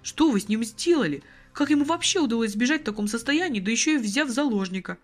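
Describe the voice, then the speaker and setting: A woman's voice: fairly high pitch, animated, fast, soft background music. A woman voicing an exasperated, level-headed young man who scolds and pleads with a friend, in an audiobook reading. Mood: indignant.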